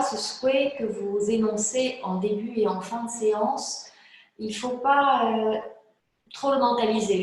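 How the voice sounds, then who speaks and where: A woman yoga teacher calmly explaining a guided relaxation method, pausing often with hesitant fillers. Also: on the high side. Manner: calm, slow, hesitant with frequent fillers. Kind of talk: spoken yoga class introduction. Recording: very echoey room.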